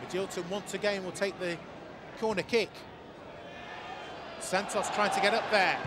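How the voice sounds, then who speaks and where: High-pitched excitable male football commentator, roaring crowd. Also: normal speed. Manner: excitable, rising to shouts at key moments. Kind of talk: live play-by-play football commentary. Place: outdoor football stadium. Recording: loud crowd noise over live commentary. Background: loud stadium crowd.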